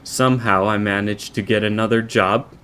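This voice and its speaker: An American man giving in-character roleplay commentary while playing a farming game, halting and rambling with many restarts. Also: on the low side, fairly even intonation, fairly bright tone, smooth. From United States. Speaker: game roleplayer and channel host.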